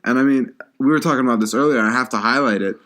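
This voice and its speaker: A young man co-hosting a casual sports podcast in a middle-pitched voice. He talks loosely and stumbles, repeating words as he restarts his thoughts. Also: racing, a bit bright. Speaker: podcast co-host.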